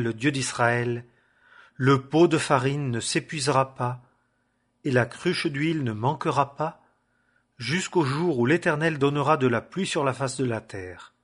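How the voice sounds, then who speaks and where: A stern, fervent prophet speaks in a grave, declaiming way, as a man reading scripture aloud gives him voice. The tone is a little husky and breathy, with a middling pitch. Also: fairly bright tone.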